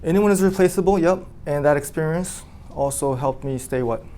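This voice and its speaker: A man who runs an insurance agency, telling his team a personal story in a lively, casual way, full of "like" fillers and questions to the room. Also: a little high, normal speed. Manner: animated, asks the room questions, many "like" fillers.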